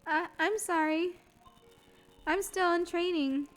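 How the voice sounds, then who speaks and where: A sincere young apprentice medium from a video game pleads politely for help, voiced by a woman. The voice sits well above an ordinary woman's pitch and stays soft and earnest throughout. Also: fairly even intonation, slow pace, soft background music. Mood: pleading. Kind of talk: reading game dialogue aloud in character.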